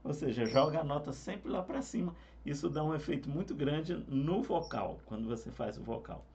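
A man, a singing teacher explaining harmony parts in a relaxed, conversational way. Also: a little high, moderate pace, lo-fi sound, soft background music. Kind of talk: explaining vocal harmony with sung examples.

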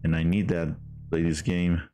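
A man's voice: sits low, little pitch movement, moderate pace, dark tone, smooth. A man streaming a game in casual chat, hesitant with many fillers and restarts.

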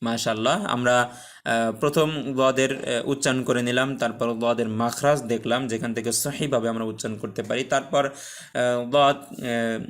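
A man's voice: mid-range voice, fairly even intonation. Patient man teaching Quran letters. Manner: patient, explains step by step, many "ah" fillers, checks "okay?"; chants Arabic words slowly and drawn out. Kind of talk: online tajweed lesson.

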